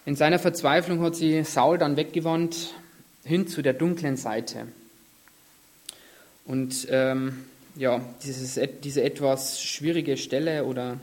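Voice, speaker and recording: A man's voice: a little high, steady tone, slow pace, darkish tone. A man preaching an earnest sermon, reading a Bible passage aloud with emphasis and then explaining it. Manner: earnest, devout, reads scripture aloud with emphasis.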